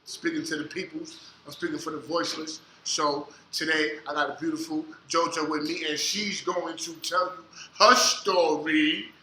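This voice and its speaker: A man hosting a casual podcast interview, joking and bantering loudly in slang. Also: a little high, fairly even intonation, moderate pace, roomy sound, a little hiss or hum, poor audio. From United States. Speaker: podcast host.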